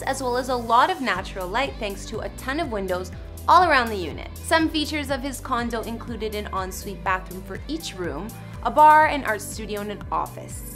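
A woman's voice: a little high, sharp tone. A young woman hosting a celebrity gossip segment, narrating in a chatty scripted way with sarcastic asides.

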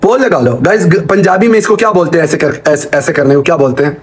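Middle-aged streamer, fairly high voice, rambling half to himself, faint hiss behind. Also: male voice. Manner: rambling, muttering to himself while fiddling with cables. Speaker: live streamer. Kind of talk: casual live-stream chatter.

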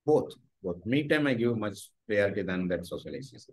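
A man's voice: on the low side, very animated, a little fast, slightly rough. A man in his forties with a Tamil accent, answering interview questions informally on a video call. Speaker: interview guest, professor. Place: small furnished room at home, video call. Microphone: video call device microphone.

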